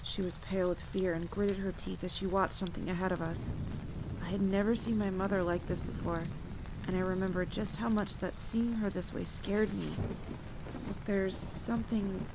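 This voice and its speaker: Against clear sounds of rain, rolling thunder and the outdoors, a storyteller and audio roleplay performer delivers a scripted first-person campfire story. Her mid-range voice holds a steady tone at a moderate pace, building drama and suspense.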